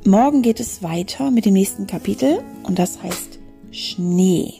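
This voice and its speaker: A woman who hosts a show and reads a children's story aloud in a lively, expressive way. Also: mid-range voice, measured pace, creaky, soft background music. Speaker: children's story reader and host.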